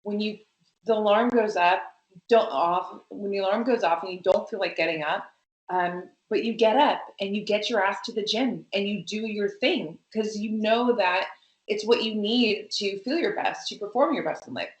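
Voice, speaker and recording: A woman guest talks with animated emphasis, stacking fillers and repeating herself as she builds a point. Her voice has a mid pitch. The recording picks up a noticeable echo from the room. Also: normal speed. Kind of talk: conversational interview.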